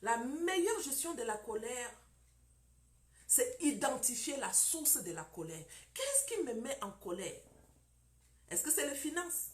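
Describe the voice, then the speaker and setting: A woman's voice: high-pitched, sing-song, measured pace, reverberant. A woman preaching about marriage, emphatic and repetitive, firing off rhetorical questions.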